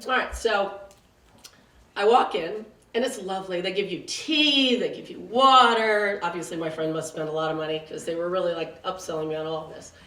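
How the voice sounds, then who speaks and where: A woman in her late forties telling a self-mocking, chatty comic story on stage, with quick asides. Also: lowish voice, bright, forceful tone. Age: late 40s. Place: theater stage before an audience. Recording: roomy, distant, noisy live room.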